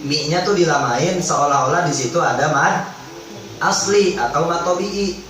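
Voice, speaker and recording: A man teaching Quran recitation rules in a religious study lesson, explaining in relaxed everyday speech and chanting drawn-out recited examples. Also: a little high. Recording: echoey hall, distant mic, faint background noise.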